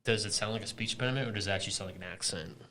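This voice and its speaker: A man's voice: fairly low pitch, racing, sharp tone, a little hiss or hum. A man with a mild speech impediment, a comedian guest on a casual podcast, often stumbling and restarting his sentences.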